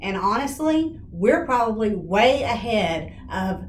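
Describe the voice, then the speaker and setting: A woman's voice: mid-range voice, very animated, slow pace. A woman sharing her thoughts in a casual team meeting, confident and matter-of-fact, proud of her team. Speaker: team member. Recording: echoey room with faint noise.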